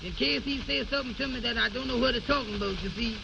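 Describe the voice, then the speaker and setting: A man's voice: very high voice, fast, vocal fry. An actor playing a humble, naive and easily flustered man who stammers and repeats himself in folksy speech, in old radio comedy style. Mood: worried. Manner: stammering repetitions, deferential, folksy ungrammatical speech. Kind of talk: 1930s-40s radio comedy acting. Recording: muffled, noisy old radio recording.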